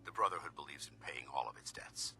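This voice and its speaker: A disciplined soldier officer from a video game, low and forceful. He speaks in formal, commanding military phrasing. Every line lands with earnest conviction. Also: expressive, quick pace, gravelly, in a whisper, heavily acted. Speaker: game character.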